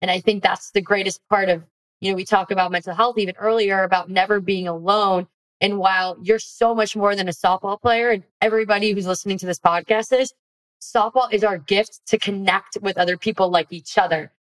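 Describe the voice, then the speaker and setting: A young woman, a former college softball player, hosting a podcast with upbeat, encouraging chat. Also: mid-range voice, steady tone, fairly quick, rough recording. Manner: upbeat, encouraging, reads ad lines. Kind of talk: casual interview chat.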